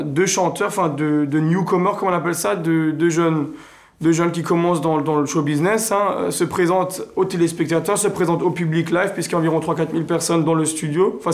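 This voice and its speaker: Young man, singer in an interview, slightly high voice, halting, filler-heavy delivery. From Alsace, France. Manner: hesitant, many fillers and restarts. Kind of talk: interview answers.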